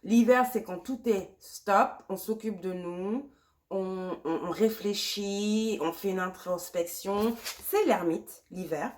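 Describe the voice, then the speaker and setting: A woman's voice: medium pitch, takes it slowly, darkish tone, slight background noise. A woman giving a pick-a-card tarot reading while fighting a cold and a sore throat. She speaks straight to the viewer, reassuring and repetitive, and slips English words into her talk. The voice is close to the mic. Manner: reassuring, repeats herself, mixes in English words. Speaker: tarot reader.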